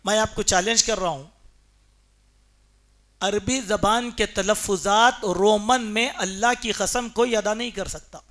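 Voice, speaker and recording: A male preacher delivers a Friday sermon in a mosque. His voice sits very high and rings bright. He drives his points home emphatically and keeps firing rhetorical questions at the congregation.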